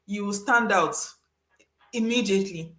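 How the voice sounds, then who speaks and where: A woman hosting a casual advice talk, emphatic and animated, acting out little scenes with sudden high voices. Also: unhurried, echoey room. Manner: emphatic, repeats for stress. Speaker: host giving career advice.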